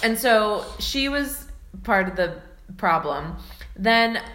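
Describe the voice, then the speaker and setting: Bright-voiced giggly woman telling a story. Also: mid-range voice, slow pace, reverberant, slight background noise. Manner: animated, giggly, acts out quoted voices. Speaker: podcast host. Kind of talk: casual storytelling chat.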